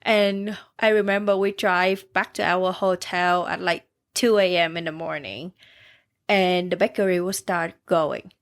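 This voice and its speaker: A young Vietnamese woman with a thick accent and a lowish, steady voice speaks a little slowly. A bakery owner, she tells her story in a casual podcast interview, using simple broken English and fillers.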